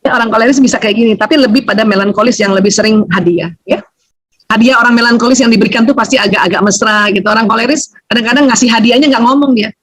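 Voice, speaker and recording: Animated woman seminar speaker, high voice. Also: quick pace, dry recording, low-quality recording. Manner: animated, laughing often, acting out quoted voices. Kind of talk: lively seminar talk to an audience.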